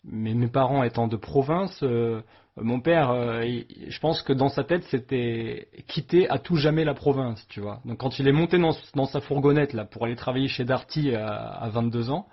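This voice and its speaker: A man from the Paris region hosts a relaxed podcast interview. His voice is slightly husky and mid-pitched. The recording sounds a bit dull and lo-fi. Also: normal speed. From Paris region, France. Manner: relaxed, chatty, frequent "tu vois". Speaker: podcast host. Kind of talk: casual interview chat.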